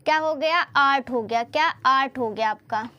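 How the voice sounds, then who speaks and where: A woman's voice: sits high, normal speed, bright, forceful tone, muffled recording. A woman teacher giving a chatty motivational study lesson, often repeating herself and asking rhetorical questions.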